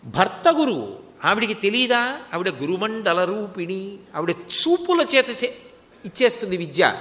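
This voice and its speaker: High, bright-voiced man giving a sermon. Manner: storytelling with rhetorical questions. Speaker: religious discourse speaker. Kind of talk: spiritual discourse. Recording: long hall reverb.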